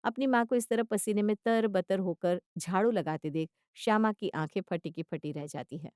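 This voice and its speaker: A woman narrating a family story in an even, steady storytelling voice. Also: medium pitch, moderate pace, no room sound, studio quality.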